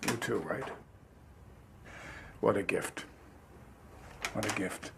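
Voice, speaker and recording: An actor playing a gentle middle-aged father who talks in a soft, sentimental way. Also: lowish voice, slow pace, gravelly, background noise. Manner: softly nostalgic, tender.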